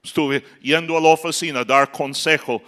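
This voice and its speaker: A man's voice: a little high, fairly even intonation, normal speed, bright, forceful tone. A man preaching a sermon as pastor, building to emphatic outbursts. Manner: preaching with rising emphatic outbursts and acted quotes.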